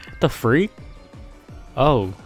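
A young man with a stuffy nose from being sick, quietly commenting on his own gameplay in slangy, casual talk under his breath. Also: mid-range voice, sing-song, takes it slowly. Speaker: gameplay streamer. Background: game music.

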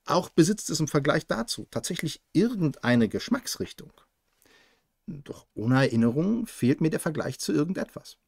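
A man's voice: a little high, very animated, moderate pace, vocal fry, a little mellow, husky, no room sound, clean studio sound. A man co-hosting a livestream, reading a novel aloud with small stumbles and self-corrections.

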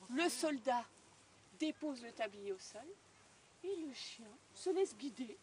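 Outdoors on a storytelling walk, a woman tells a fairy tale to a live audience, speaking straight to her listeners. Her voice is fairly high and slow, and her delivery animated.

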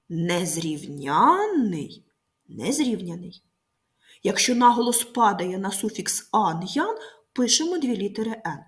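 Woman, teacher, recorded lesson, lively intonation, slow clear stressed words. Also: fairly high pitch. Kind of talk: recorded video lesson for pupils.

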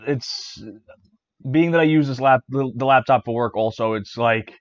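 A man's voice: medium pitch, normal speed, no room sound. Laid-back male streamer, desk mic, dry and slightly dull sound, rattles off card names. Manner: reads card names off in a list, with fillers and restarts. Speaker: streamer opening trading card packs. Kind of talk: casual live-stream chat.

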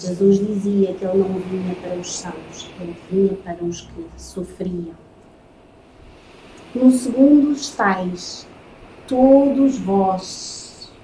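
Woman, European Portuguese accent, spiritual lecture, dark mellow voice, faint hiss. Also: medium pitch. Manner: slow, measured reading with solemn pauses. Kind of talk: spiritual lecture reading from slides. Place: lecture room in front of a projected slide. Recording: echoey room, faint noise.

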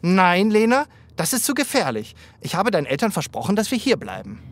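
A man's voice: sits high, huge pitch swings, a little fast, heavily acted. A man voicing a self-important, playful talking zebra in a children's audio drama, theatrical and drawing out words. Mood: worried. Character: cheerful talking zebra, playful know-it-all road safety expert.

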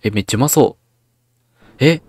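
A man's voice: medium pitch, unhurried, a little mellow, husky, dry recording. A young man giving casual gameplay commentary, chatting to himself and reading game lines aloud. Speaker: game streamer.

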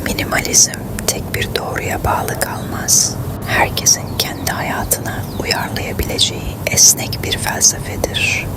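A narrator reading a script in a hushed, breathy ASMR whisper, quiet as if late at night. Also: measured pace.

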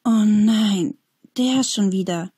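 A woman's voice: medium pitch, takes it slowly, mellow, breathy edge. A woman voicing an earnest young schoolboy who pleads and believes in storybook scenes. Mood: worried.

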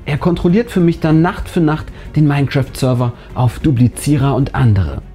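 A slightly high, warm male voice reads a first-person horror script at normal speed, dramatic and suspenseful throughout. The speaker is the narrator and channel host, and music plays beneath him.

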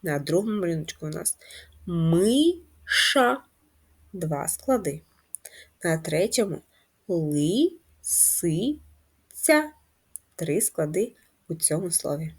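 A woman teaching a first-grade reading lesson, speaking patiently and clearly and stretching words into syllables. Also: low-pitched, normal speed, darkish tone. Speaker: primary school teacher.

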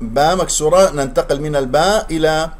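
A man teaching tajweed. He explains pronunciation rules quickly, then recites words slowly and drawn out. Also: a little high.

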